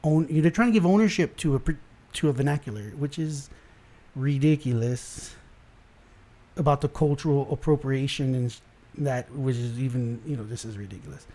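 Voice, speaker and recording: A young man from South Texas hosting a casual commentary show, ranting about online headlines in an animated, exasperated way and often restarting his sentences. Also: mid-range voice, normal speed. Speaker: host.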